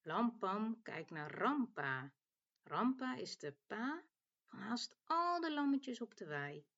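A woman reading a children's story aloud in a gentle, expressive way. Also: on the high side, slow pace, lo-fi sound.

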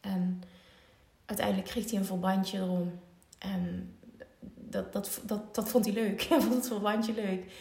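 A woman's voice: mid-range voice, measured pace. A woman in her thirties with a Dutch accent, a mother telling a family story in a casual, emotional way and acting out the voices of the people in it. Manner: emotional, animated retelling with quoted voices. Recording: echoey room.

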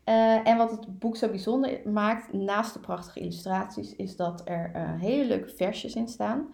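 A woman's voice: medium pitch, measured pace, creaky, darkish tone. A woman in her thirties, a library media coach, recommending a favourite picture book with frequent hesitant fillers. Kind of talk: casual spoken recommendation. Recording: echoey room.

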